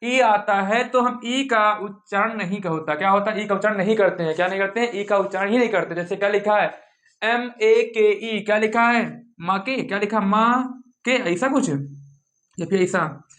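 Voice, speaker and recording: A man's voice: high-pitched, steady tone, moderate pace, fairly bright tone. A young man teaching English pronunciation rules in a classroom-style lesson, asking questions and answering them himself over and over.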